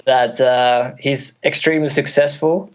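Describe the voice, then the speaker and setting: Young Finnish man, twenties, native Finnish speaker, call interview guest, halting and friendly. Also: mid-range voice, fairly even intonation, smooth. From Finland. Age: 20s. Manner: hesitant, many fillers and restarts, light laughs. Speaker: guest music producer. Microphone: call audio.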